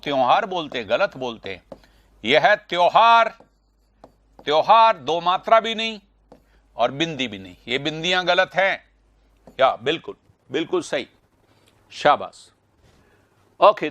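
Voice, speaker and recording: A middle-aged man teaching Hindi spelling in a live online class, correcting and praising students by name. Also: medium pitch. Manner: animated, stresses words loudly when correcting, praises students often.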